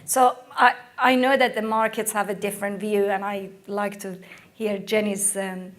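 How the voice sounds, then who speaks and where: A woman's voice: mid-range voice, little pitch movement, moderate pace. Emphatic woman panelist, losing her voice. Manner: emphatic, many fillers and restarts. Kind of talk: conference panel discussion.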